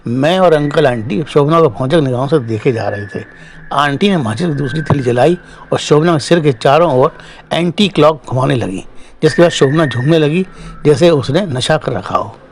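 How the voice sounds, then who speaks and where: A man telling a first-person horror story in steady, dramatic scripted narration, closing as the show's host. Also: on the high side, moderate pace, slight background noise.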